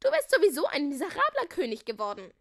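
An affectionate, gushing girl from a fairy tale, squealing her praise in a high voice, as a woman puts her on. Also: wildly swooping pitch, quick pace, creaky, heavily acted. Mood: teasing.

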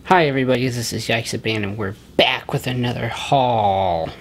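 A man's voice: medium pitch, moderate pace, vocal fry, a little hiss or hum. Young man chatting in an echoey room. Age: young adult. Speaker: book haul vlogger, co-host. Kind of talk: casual vlog chat. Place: small indoor room at home.

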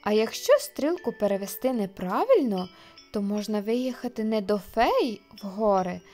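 A woman's voice: mid-range voice, sing-song, moderate pace, warm tone, faint music behind, close to an everyday voice. A woman voicing a bossy, patient female owl who explains things in a children's story. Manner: commanding, explaining.

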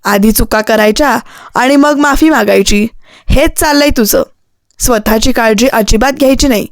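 A protective young man scolds his beloved with pointed questions, read out by a woman in a storybook. The voice sits high and the recording is dry and close. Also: moderate pace, dry recording, lightly acted. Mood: scolding.

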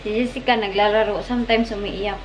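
A woman's voice: medium pitch, fairly even intonation, fairly quick, dull audio, background noise. A woman, originally from the Philippines, chatting exasperated in a casual cooking vlog from her home kitchen. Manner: chatty, code-switching, exasperated. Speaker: mother and family vlogger. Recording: echoey kitchen.

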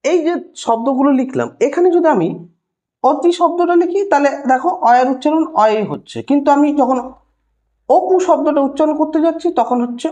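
A woman teaching a language lesson, patient and explaining step by step, repeating key terms slowly. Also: sits high, a little mellow.

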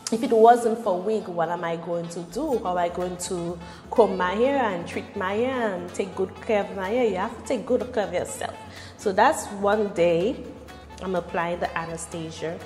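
A woman's voice: medium pitch, moderate pace, a little mellow. A woman in her thirties chatting casually through a makeup tutorial and personal story, conversational and repeating phrases for emphasis. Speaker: beauty vlogger. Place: small bare-walled room indoors. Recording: echoey, reverberant room with music behind.

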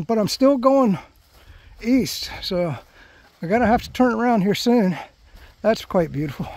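Rambling high-voiced man on a hike. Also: a little mellow. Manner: rambling, chatty, frequent "you know". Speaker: hiking vlogger. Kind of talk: casual vlog narration while hiking. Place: outdoors on a grassy trail through palm scrub.

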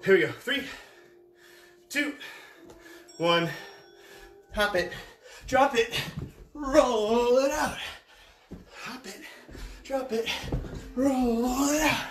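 A fitness coach leading a live workout, energetic and encouraging, counting down reps and puffing out loud breaths while exercising along. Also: medium pitch, extremely slow, long pauses, a little hiss or hum. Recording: echoey room with faint music.

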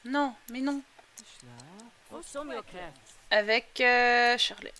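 A woman's voice: on the high side, fairly even intonation, drawn-out words, bright, forceful tone. A woman giving casual commentary while playing a video game, thinking aloud with lots of fillers and reading quest text aloud. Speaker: let's play gamer.

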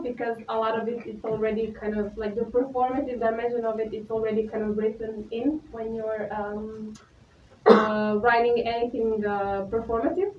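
A woman's voice: a little high, slight background noise. A young woman from Croatia giving a casual artist talk, hesitant and full of fillers and restarts. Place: dark gallery room with projector. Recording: echoey room, distant and dull.

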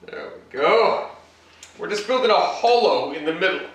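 Hosting a laid-back cooking demonstration in his home kitchen, a man explains each step chattily with jokes on the side. His high-pitched voice is expressive and a bit bright, at a moderate pace. A far-off camera mic records him in the echoey space.

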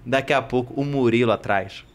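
A young man guesting on a podcast, telling a story in animated, excitable casual chat. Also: medium pitch, a little fast, slight background noise. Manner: animated, excitable, acts out scenes.

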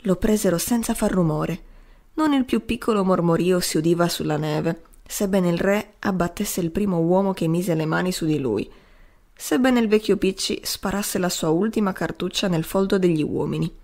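A woman's voice: on the low side, normal speed, a little mellow. A woman voicing a broken, grieving old male adventurer who rambles and keeps pleading "sir" at his listener. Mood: grim. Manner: pleading, repeating "signore".

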